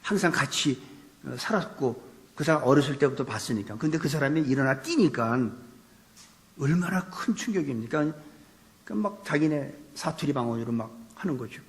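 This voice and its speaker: A male pastor giving an animated sermon, asking rhetorical questions and raising his voice for emphasis. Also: mid-range voice, normal speed. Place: church sanctuary. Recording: long reverb of a church hall.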